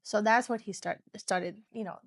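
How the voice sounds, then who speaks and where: A woman's voice: medium pitch, normal speed, no room sound, studio quality. A woman hosting a podcast, casually retelling a true-crime story in a loose, chatty way, with many "so" and "you know" fillers. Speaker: podcast host.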